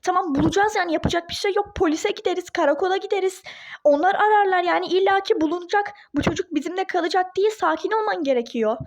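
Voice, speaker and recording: A woman voicing a sensible, supportive young woman friend in a toy-game role-play drama, talking reasonably and calmly. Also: extremely high pitch, fast. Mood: reasoning. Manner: reasonable, calming.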